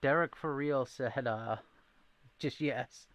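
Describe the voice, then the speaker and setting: With a thin Boston accent from his New England roots near Rhode Island, a livestream host wanders through topics, joking about himself and responding to chat. His mid-range voice is a bit bright and slow-paced, recorded with no room sound.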